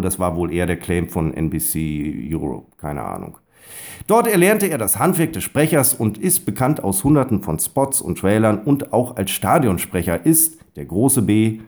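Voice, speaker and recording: A man's voice: lowish voice, a little mellow. Wry Westphalian man reading his blog. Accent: Westphalian German. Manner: wry, self-ironic, with heavy word stress. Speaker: blogger and voice-over speaker.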